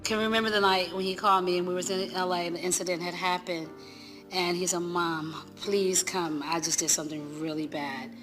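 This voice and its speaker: A woman's voice: fairly low pitch, little pitch movement, music in the background. A middle-aged woman, a mother, emotionally recounting events in a documentary interview. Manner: emotional, rushed, retelling events.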